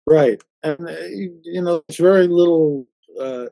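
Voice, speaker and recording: A man hosting a conversational interview, talking haltingly with many fillers and restarts. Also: a little high, creaky, warm tone, no room sound, poor audio. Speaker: interview host.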